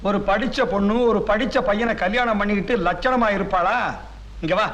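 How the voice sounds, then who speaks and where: An actor playing a gruff village father in a Tamil film, scolding and quoting folk sayings, with a Tamil accent. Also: high voice, fairly quick, a bit bright, dull audio. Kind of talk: Tamil film drama acting.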